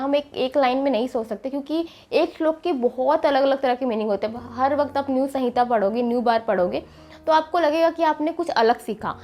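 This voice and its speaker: This is a steady vlog in which a young female medical student lays out her daily routine. She pauses often to think and has a high voice.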